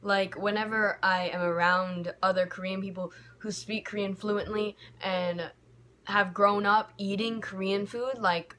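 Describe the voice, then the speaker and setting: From her bedroom window at home, a young American vlogger reflects on her feelings candidly and ramblingly, peppering her speech with "like" and restarts and becoming heated when frustrated. She has a mid-range, steady, fairly bright voice and talks a little slowly, with a little hiss or hum in the background.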